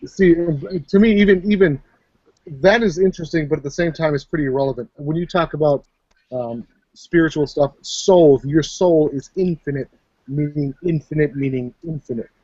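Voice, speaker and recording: A brash man from Minnesota riffs through casual chat, swearing freely and rambling. His voice sits fairly high and sounds dry and close. The call audio is dull and lo-fi. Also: moderate pace, warm tone, no echo.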